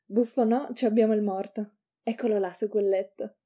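Woman doing a blunt, cocky young ringleader in a storybook reading; very dark, mellow voice. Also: mid-range voice, fairly even intonation, moderate pace, lightly acted. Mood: brash. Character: rough young man, cocky, bold ringleader.

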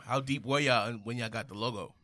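A man hosting a casual podcast chat, loud and boastful, full of slang. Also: medium pitch, fast, no echo. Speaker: podcast host.

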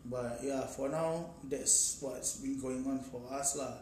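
A man's voice: mid-range voice, fairly even intonation, slow, darkish tone. Singaporean guy doing podcast chat in singlish, echoey room w a bit of noise. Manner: colloquial Singlish with local particles. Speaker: podcast host.

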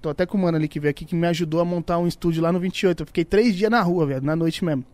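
A man's voice: on the high side, racing, a little mellow, no echo. A man from the São funk scene, telling stories in casual slang and acting out the dialogue. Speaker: funk music producer. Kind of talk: casual podcast storytelling.

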